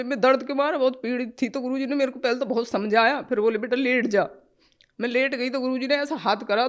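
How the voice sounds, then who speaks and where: A woman giving an earnest, emotional personal testimony in plain colloquial speech. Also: on the high side.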